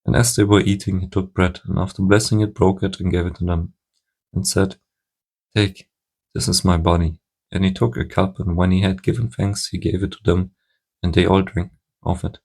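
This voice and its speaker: A man reading scripture aloud at a steady pace, now and then stumbling and restarting a word. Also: low-pitched, normal speed, vocal fry, breathy edge. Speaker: Bible reader.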